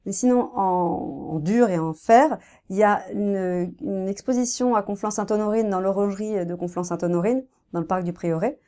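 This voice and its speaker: A woman in her thirties talks casually about her painting in an interview. Her voice is mellow and warm at a middle pitch, and she speaks softly, pausing with fillers and restarting her sentences. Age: 30s. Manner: soft-spoken, hesitant, many fillers and restarts.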